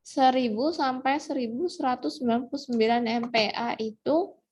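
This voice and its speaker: A woman's voice: sits high, moderate pace, darkish tone, breathy edge. A woman lecturer giving a recorded online lesson, explaining step by step with many fillers and restarts. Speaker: university lecturer.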